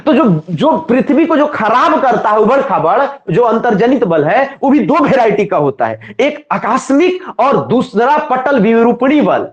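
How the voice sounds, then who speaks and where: High-voiced man teaching with Bihari accent. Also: lively intonation, measured pace, hardly any pauses. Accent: Bihari Hindi. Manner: asks students questions and answers them himself, repeats key terms. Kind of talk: classroom lecture. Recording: echoey, dull lo-fi room sound.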